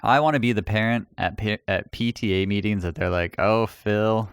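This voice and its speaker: Low smooth-voiced man, joking co-host. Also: brisk, no echo, clean studio sound. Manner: jokey, rambling with restarts. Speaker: podcast co-host. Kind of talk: casual chat.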